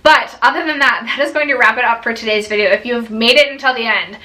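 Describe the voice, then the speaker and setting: Bright, gushing young woman vlogger. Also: on the high side, fast talker. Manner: chatty, gushing, filler-heavy. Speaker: beauty vlogger. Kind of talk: casual product review.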